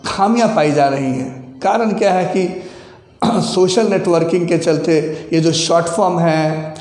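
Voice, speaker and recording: A male teacher lectures in a slow, measured way, often pausing to check that his listeners follow. His voice sits a little high for a man. The recording has a roomy echo with a long reverb tail. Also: darkish tone. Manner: slow, deliberate explaining with frequent "theek hai" check-ins. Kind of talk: classroom lecture. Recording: echoey room with long reverb.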